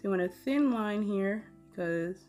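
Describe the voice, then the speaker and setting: A woman's voice: mid-range voice, a little slow, a little mellow, soft background music. Chatty young woman reviewing makeup. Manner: chatty, self-deprecating, with fillers and giggles. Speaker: beauty vlogger. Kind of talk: casual product review.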